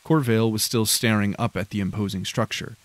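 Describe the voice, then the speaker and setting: Low-voiced man narrating a dark tale. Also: steady tone, brisk, no echo. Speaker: audiobook narrator. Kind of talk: scripted narration of a dark fantasy audiobook.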